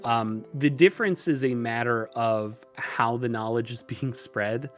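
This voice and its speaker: With music mixed under the voice, a tutorial-channel creator chats as a podcast guest in a casual interview. His medium-pitched, slightly bright voice moves at a measured pace as he rambles and hesitates through explanations.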